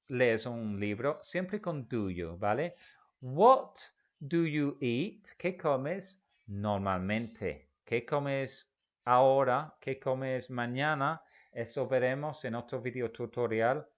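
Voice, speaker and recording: Slow, lively-voiced male language teacher. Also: mid-range voice, muffled recording. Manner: slow, patient drilling with repeated example phrases. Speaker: English teacher. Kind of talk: language lesson explaining in Spanish.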